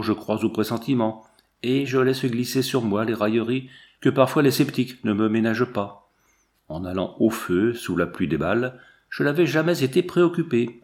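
A man narrating a war memoir in a measured, steady reading. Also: fairly low pitch. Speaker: audiobook narrator.

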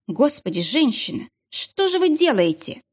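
A woman's voice: high voice, sing-song, moderate pace, slightly rough, pitched above the performer's own voice, full character voice. Woman voicing an anxious, determined heroine. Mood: urgent. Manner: urgent, flustered.

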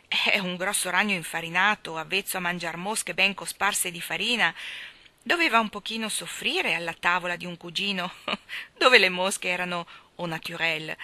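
A woman reading a classic novel aloud with expressive, measured narration. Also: fairly low pitch. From Italy. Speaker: reader.

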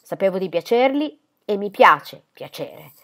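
Woman voicing a coquettish young lady, teasing and airy, lively swooping pitch, audiobook reading. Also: unhurried.

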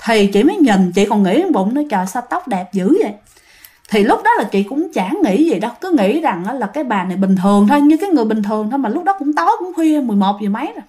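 A woman's voice: on the high side, very animated, rapid-fire, hardly any pauses, dark tone. A woman telling ghost stories in a chatty way, often addressing listeners. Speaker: ghost story narrator. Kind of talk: storytelling to listeners.

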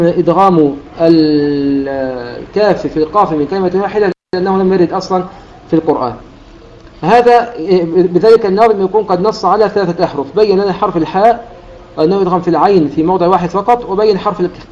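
A man teaching the rules of Quran recitation, explaining a classical poem line by line and slowing down to recite the examples. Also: sits high, a little mellow, a little hiss or hum. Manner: explanatory, quotes verses in a slow chanted delivery. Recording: dull lo-fi recording.

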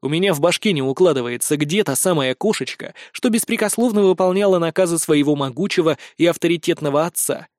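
A man's voice: on the high side, fast, hardly any pauses, dry recording, studio quality. A man reading a first-person fantasy story in a wry, slangy, conversational manner. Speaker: audiobook narrator.

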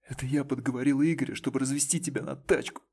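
A man's voice: medium pitch, fairly even intonation, fast talker, gravelly, a little mellow, breathy edge, voice pushed up. A man voicing a young woman who pleads and sobs, then turns scornful, in an audiobook. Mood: confessing. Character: desperate, bitter young woman, ex-lover.

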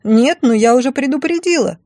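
A woman voicing a brash, spoiled young blonde woman who talks in shrill, squealing outbursts. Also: animated, fairly quick, dark tone, no echo, studio quality. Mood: indignant.

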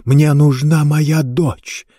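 A man voicing an obsessive, ruthless grieving mother with a hoarse voice, shouting in slow, drawn-out cries. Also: medium pitch, no echo, clean studio sound. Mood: fierce possessive. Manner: raised, fierce, drawn-out cries. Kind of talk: dramatic audiobook reading.

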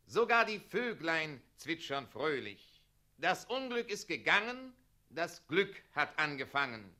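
A fussy, bossy mayor. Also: male voice, fairly high pitch, sing-song, slow pace, pushed and bright, exaggerated voice. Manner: bossy and pedantic, coaching others' delivery, then servile. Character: fussy, fawning town mayor drilling citizens. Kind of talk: radio play acting.

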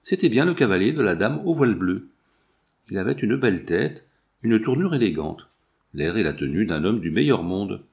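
A man narrating a classic novel in an even, measured storytelling voice. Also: fairly low pitch. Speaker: audiobook narrator. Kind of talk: scripted narration.

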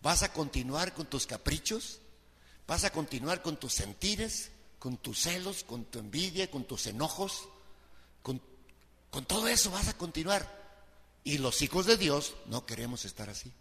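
A man preaching a sermon as pastor, pleading with his listeners, dropping low and quiet and then rising to shouted appeals. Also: animated, unhurried, big-room sound. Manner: impassioned preaching, swinging from soft to shouted pleading.

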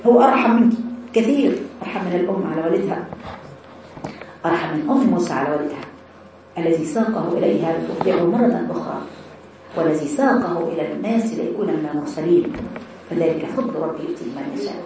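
A woman's voice: on the low side, fast. A woman teaching a Quran commentary lesson, speaking fervently to her students as her daughters. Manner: fervent, addresses listeners as "my daughters". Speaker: religious teacher. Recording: echoey hall, distant mic, audience noise.

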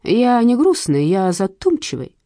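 A woman voicing a melancholy male traffic cop with a Finnish accent, speaking slowly. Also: on the low side, big pitch swings, darkish tone, no echo, clean studio sound. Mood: pensive. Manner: slow, melancholy, devoices consonants. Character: slow pensive Finnish traffic cop, man.

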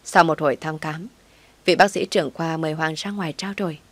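Low-voiced woman narrating a story. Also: steady tone, brisk, dry recording. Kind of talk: dramatic audio story narration.

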